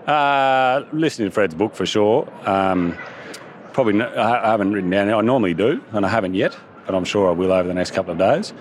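A man's voice: lowish voice, animated, a little fast, slight background noise. An Australian man being interviewed casually, speaking in a plain, colloquial way. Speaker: conference attendee being interviewed.

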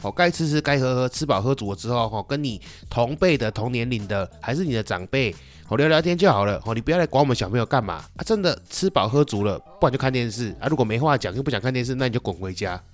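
A man's voice: medium pitch, expressive, quick pace, faint music behind. A man with a Taiwanese Mandarin accent hosting a podcast, ranting in a casual, comedic and profane way. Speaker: podcast host.

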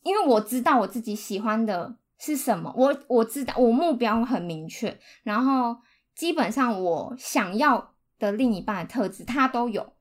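A woman's voice: on the high side, animated, normal speed. A woman with a Taiwanese accent telling personal stories in a casual podcast chat.

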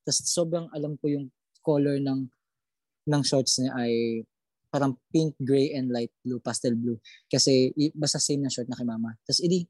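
Mellow, husky young adult storyteller. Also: medium pitch, no echo. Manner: halting, repeats words while recalling details. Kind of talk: casual spoken ghost story.

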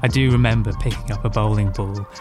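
Young man raised in Hong Kong, low voice, candid self-mocking storyteller, faint music underneath. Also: fast talker. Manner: candid, self-mocking, lively when recalling. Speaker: podcast guest storyteller. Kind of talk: casual personal storytelling.

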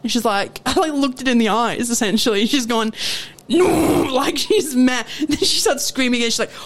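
With a fairly high voice at normal speed, a young podcast co-host shares animated workplace anecdotes in a casual storytelling chat. Frequent laughter punctuates what she says.

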